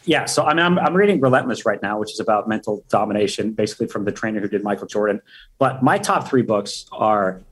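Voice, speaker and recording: A man speaking as a podcast guest in a casual interview, energetic and profane, full of hype. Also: fairly low pitch, fast, breathy edge.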